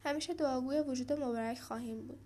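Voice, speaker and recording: A crowd of frightened tiny fish, begging and fawning, as a woman reading the storybook voices them. The pitch stays high and the pleas come slow. A gentle storybook reading. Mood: pleading.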